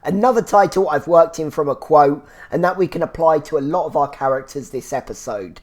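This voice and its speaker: Here a man talks fairly quickly in a fairly high-pitched voice. He hosts a laid-back solo podcast reviewing a TV series, sounding a little congested and phlegmy, and keeps looping back with "so yeah" as he rambles.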